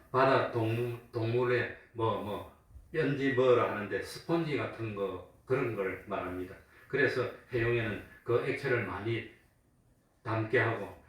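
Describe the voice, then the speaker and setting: Echoey pastor preaching from afar. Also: male voice, on the low side. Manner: asks the congregation questions and answers them himself; acts out the mockers in a raised, taunting voice. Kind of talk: sermon with call-and-response questions. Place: church sanctuary. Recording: very echoey room from a distance, faint hum.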